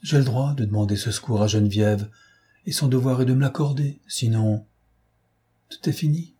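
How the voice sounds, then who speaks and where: A man voicing a weary, remorseful gentleman thief in an audiobook, speaking gravely and sorrowfully. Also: mid-range voice, moderate pace. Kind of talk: audiobook character voice.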